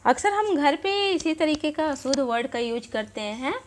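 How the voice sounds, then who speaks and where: A woman teaching a grammar lesson, repeating example words slowly as she explains. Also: high voice, lively intonation.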